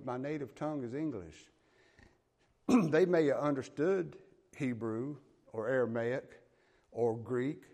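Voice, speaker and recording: In a medium-pitched, slightly mellow voice, a Southern-accented man from the American South delivers a sermon. He reads scripture out loud and unpacks it in folksy, plain language.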